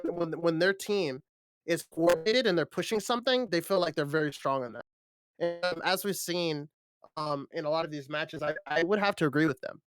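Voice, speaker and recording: A man's voice: fairly high pitch, fairly bright tone, smooth, no echo. A man co-casting a live esports match over a remote call, rambling and full of fillers, often checking "right?". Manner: rambling, filler-heavy, keeps asking "right?". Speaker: esports co-caster. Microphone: remote call over the internet.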